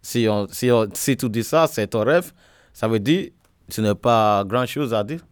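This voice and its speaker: A man's voice: lowish voice, measured pace, smooth, no echo. A man from Nigeria asking questions in a group, hesitant and often restarting his sentences. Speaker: interviewer. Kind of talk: casual interview in a group.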